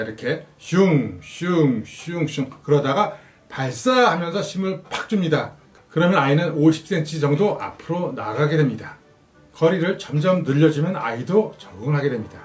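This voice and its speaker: Male narrator, instructional parenting talk, somewhat high pitch, echoey room, acts out sound effects.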